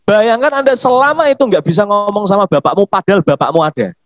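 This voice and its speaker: Animated high-voiced man preaching in chat. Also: fast, dry recording. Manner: animated, emphatic, laughs often. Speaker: pastor. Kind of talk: casual podcast chat. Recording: dull, lo-fi podcast audio.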